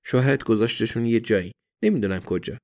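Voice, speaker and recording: A man voicing a gentle, earnest man in an audiobook reading. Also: medium pitch, no room sound, studio quality, close to an everyday voice.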